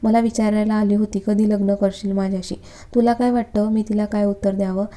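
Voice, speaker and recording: A hot-tempered young businessman from a storybook love story, curt and commanding, read by a woman narrator. The tone is dark and soft-edged. The delivery stays flat and level. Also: medium pitch, brisk, close to an everyday voice. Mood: angry. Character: stern young male businessman, short-tempered. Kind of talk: storybook reading.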